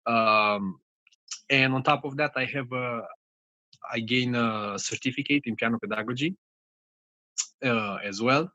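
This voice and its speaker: A bright, forward-sounding man with a Romanian accent answers interview questions in a halting way, restarting his sentences often. He is in his thirties, and his voice is recorded close and dry. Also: mid-range voice, no echo, lo-fi sound. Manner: halting, many fillers and restarts. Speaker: guest pianist.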